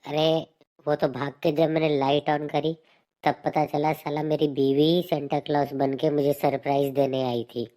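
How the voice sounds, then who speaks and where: A man's voice: on the high side, level tone, normal speed, dark tone. A man hosting a comedy joke channel, telling jokes and playing out comic sketches. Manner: jokey storyteller. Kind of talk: comic skit narration and dialogue.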